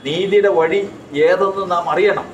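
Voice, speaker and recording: A man's voice: high-pitched, steady tone, measured pace, highs cut off. Man, Keralite accent, sermon, rhetorical questions, emphatic repetition, roomy church hall, faint background noise. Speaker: preacher. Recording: echoey hall, distant mic.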